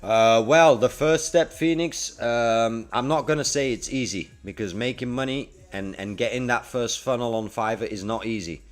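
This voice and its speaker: This livestreamer, a freelance web developer in his forties, keeps up a moderate pace with hardly any pauses. His mid-range voice carries a casual, slangy tone as he talks to viewers over background music.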